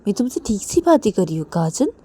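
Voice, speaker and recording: A woman's voice: sing-song, brisk, mellow, husky. A woman voicing a shy, flustered young woman who keeps telling her partner to stop staring. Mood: flustered, exasperated. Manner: high, exasperated, repeating herself.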